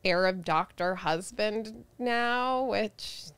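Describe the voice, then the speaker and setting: A woman's voice: medium pitch, slow, fairly bright tone, smooth, dry recording. A woman in her thirties from New Jersey, chatting casually as a guest comedian on a podcast and laughing often. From New Jersey, United States. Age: 30s.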